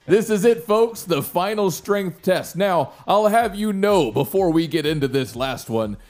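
A man voicing a bombastic strength-contest announcer who makes showy, drawn-out proclamations. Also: high voice, lively intonation, a little mellow, voice pushed up. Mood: hyped.

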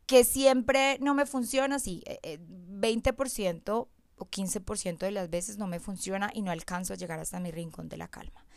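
A woman, a mother talking calmly and candidly to viewers in a casual monologue about handling her emotions. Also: mid-range voice, moderate pace, vocal fry, dry recording. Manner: calm, candid, reflective. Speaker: mother sharing parenting advice.

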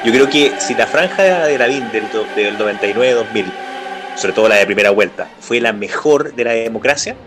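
Un hombre con acento chileno conversa de política en un pódcast, con muchas pausas y frases que se reinician. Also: male voice, mid-range voice, expressive, over music. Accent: Chilean Spanish. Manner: rambling, many restarts and fillers. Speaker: political podcast co-host. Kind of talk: casual political chat.

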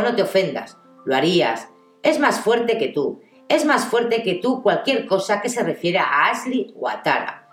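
A woman's voice: mid-range voice, lightly acted. A woman reading aloud as a wealthy, sardonic, domineering husband, stressing each word with mocking deliberation. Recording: echoey room with faint music.

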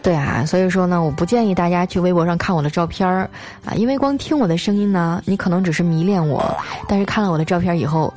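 A woman's voice: lowish voice, quick pace, darkish tone, soft background music. A woman hosting a comedy talk show, telling jokes in a playful, teasing way. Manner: playful, teasing, acts out characters' lines. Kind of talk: scripted comedic storytelling.

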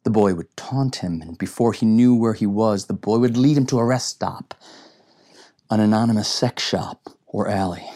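A man narrating an audiobook in a measured, reflective way. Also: on the low side, dark tone. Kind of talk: scripted narration.

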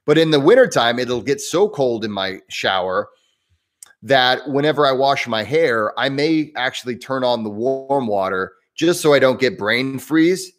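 A little slow and lively in intonation, this medium-pitched man speaks with a southern Indiana accent while hosting a relaxed livestream. He answers viewer questions in a loose, chatty ramble with plenty of restarts.

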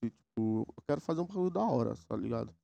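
A man in his 20s from São Paulo, Brazil, hosts a casual solo podcast from a home setup with a mechanical keyboard, rambling in slang from topic to topic. His mid-range voice is expressive, quick, creaky and mellow. Recorded through a sound card, the sound is dry with the highs cut off.

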